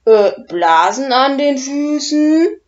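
A big hungry dragon booms out loud and gruff, as a woman reads him aloud. He is grumpy and smacks his lips, slow and unhurried. The storybook recording sounds slightly muffled. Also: animated, close to an everyday voice. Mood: gruff, booming.

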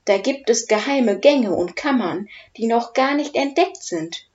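A woman's voice: on the high side, animated, unhurried, a little mellow, muffled recording, pitched above the performer's own voice. A woman doing an eager young dragon boy. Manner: eager, protesting.

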